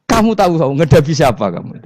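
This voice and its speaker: A man voicing a fearless, boastful man who scolds the angels, raised and booming. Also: very animated, quick pace, a little mellow, no echo, studio quality. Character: bold, fearless man unafraid of grave angels. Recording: dull lo-fi recording.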